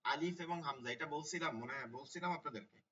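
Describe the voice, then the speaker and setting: A man's voice: fairly high pitch, quick pace, pushed and bright, distant mic, lo-fi sound. A man teaching an online tajweed class, repeating key terms and asking his students questions. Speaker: Quran teacher.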